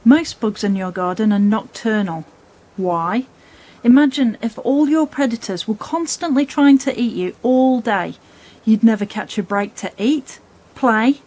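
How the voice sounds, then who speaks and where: A woman presenting scripted nature narration for children in a playful, expressive storytelling way. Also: medium pitch.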